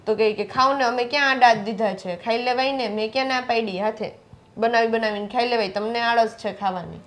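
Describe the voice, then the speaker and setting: Brief: a quick-talking young wife, played by a woman with a slightly high voice, full of complaints. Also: fairly even intonation, close to an everyday voice. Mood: complaining. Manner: complaining, rapid-fire. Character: young wife complaining about her mother-in-law. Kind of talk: family drama acting.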